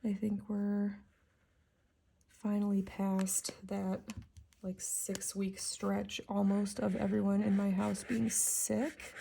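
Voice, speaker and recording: At home, a woman running a coloring channel chats casually as she works, her raspy, medium-pitched voice soft, relaxed and a bit self-conscious, often slipping into a half whisper. She speaks slowly, and there's a little hiss or hum in the recording.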